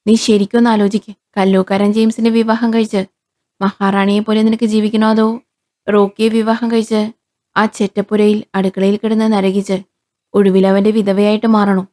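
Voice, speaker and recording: Stern controlling father read by a woman, lecturing, persuasive, storybook voice, mellow. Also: medium pitch, level tone, normal speed, lightly acted.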